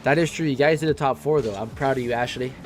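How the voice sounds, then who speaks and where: A man's voice: medium pitch, fast talker, slight background noise. A young man casually hosting a game tournament on a live stream, chatting loosely and calling the results. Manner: laid-back, chatty, says "like" and "bro" often.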